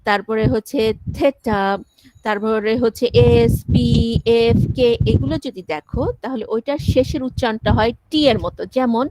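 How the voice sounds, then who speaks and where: High-voiced woman teaching class. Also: normal speed, mellow, slight background noise, low-quality recording. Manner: explains step by step, often checks understanding. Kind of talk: classroom lecture.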